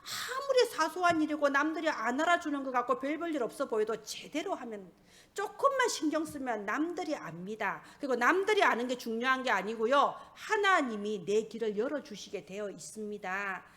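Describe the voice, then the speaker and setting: A middle-aged woman pastor preaches with a high-pitched voice. She tells stories with humor and lively, animated delivery, often stressing her lines. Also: fairly quick. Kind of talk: sermon.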